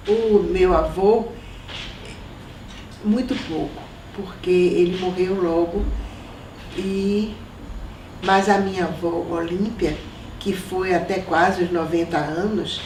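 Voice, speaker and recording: An older woman recalls her parents and grandparents, talking slowly and warmly in a fairly low voice. She sits somewhat away from the microphone in an echoey room, with a faint hiss in the background. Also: fairly even intonation, distant mic. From Salvador, Brazil. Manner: reminiscing, unhurried, with soft laughs. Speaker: interviewee. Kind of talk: oral history interview.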